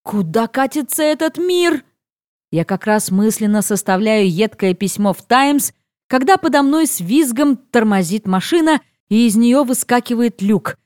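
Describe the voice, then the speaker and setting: A young adult woman narrating a novel in the first person, with a lively, expressive reading that acts out the exclamations. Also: a little high, moderate pace, no echo, clean studio sound. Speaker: audiobook narrator.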